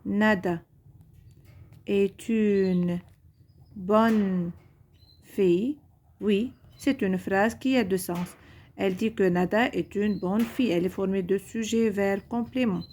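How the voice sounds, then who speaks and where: A young woman teacher giving a recorded grammar lesson to pupils, repeating each point in a slow, deliberate way. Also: medium pitch, a little mellow.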